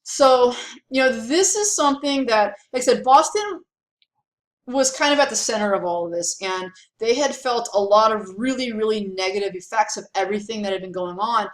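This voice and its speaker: A woman's voice: fairly high pitch, normal speed, reverberant. A woman teaching a history lesson in a chatty, casual way, with lots of fillers and asides. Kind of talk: casual classroom lecture.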